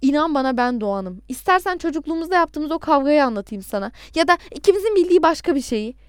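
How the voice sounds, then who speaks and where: A woman's voice: sits high, sing-song, quick pace, no echo, studio quality, pitched above the performer's own voice. A woman reading the part of an adult man who pleads and insists on the phone, in an audiobook. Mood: pleading.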